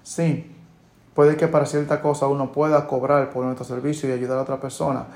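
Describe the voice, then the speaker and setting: A man's voice: mid-range voice, little pitch movement, fairly quick, a little mellow. Earnest coaching man in an echoey room. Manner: earnest, coaching, repeats rhetorical questions. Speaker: personal finance coach. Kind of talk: motivational monologue. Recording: roomy echo.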